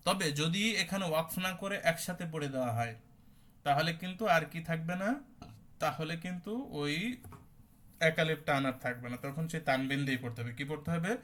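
A man teaching an online class on Quran recitation rules. He explains step by step, often checks whether listeners understand, and chants example words with drawn-out recitation. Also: fairly high pitch, fairly bright tone. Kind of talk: online tajweed class lecture.

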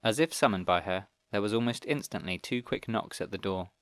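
A man reads a fantasy storybook aloud in a steady, even way. His voice sits on the low side and the sound is dry and close to the mic. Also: fairly quick, no echo. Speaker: audiobook narrator. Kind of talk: scripted narration.

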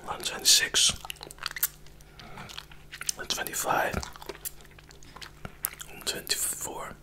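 A young man whispering ASMR in an unvoiced, breathy whisper, counting with lollipop mouth sounds between the words. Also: drawn-out words. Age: young adult. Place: small living room, indoors.

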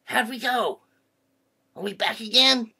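A man's voice: very high-pitched, unhurried, heavy background noise. A man voicing a friendly, curious male puppet in a children's puppet show, chatty and playful. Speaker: puppet character.

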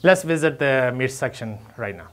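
A man's voice: mid-range voice, lively intonation, normal speed, fairly bright tone, slight background noise. A man speaking through a face mask, giving a hesitant, filler-heavy walkthrough of his grocery store. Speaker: store owner giving a tour. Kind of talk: casual walkthrough tour.

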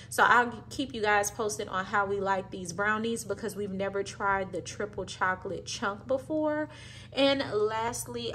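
A woman's voice: fairly high pitch, a bit bright, slight background noise. A young woman, chatting casually and sassily to her viewers as a vlogger. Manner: chatty, sassy, says "y'all" and "child". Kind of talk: casual chat. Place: car, then kitchen.

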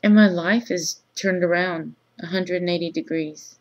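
A woman in her thirties who has just woken up, talking groggily and haltingly in a low-key, casual, confessional vlog. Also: steady tone. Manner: halting, pausing often mid-thought. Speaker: vlogger. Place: small room indoors. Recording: dull lo-fi webcam sound.

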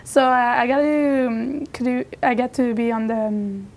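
A woman's voice: fairly high pitch, normal speed, slight background noise. Young French-accented woman, upbeat. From France. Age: young adult. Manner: chatty, laughs often. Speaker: exchange student. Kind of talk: studio interview. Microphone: lapel mic.

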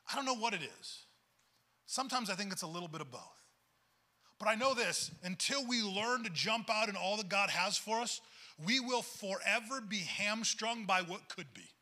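A man's voice: high-pitched, sharp tone. A male pastor preaching a sermon in an earnest, conversational way, often repeating words as he goes.

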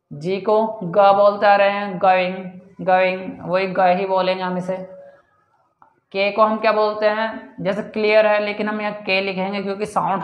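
A man teaching English pronunciation in a casual spoken lesson, slowly repeating example sounds and often calling his viewers guys. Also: high voice, lo-fi sound. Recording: roomy echo.

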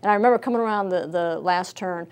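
A middle-aged woman, a former jockey telling stories in an interview, animated and full of restarts. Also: on the low side, fast talker, clean tone. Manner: animated storyteller, many restarts. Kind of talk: casual storytelling interview.

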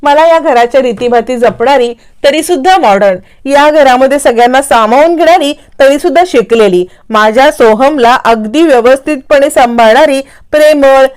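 A woman's voice: high-pitched, a little mellow, clean tone, lightly acted. A woman retelling a TV serial voices a proud middle-aged mother who spells out what she wants in a daughter-in-law. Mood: firm. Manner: deliberate, listing her wishes. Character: proud middle-aged mother seeking a bride for her son.

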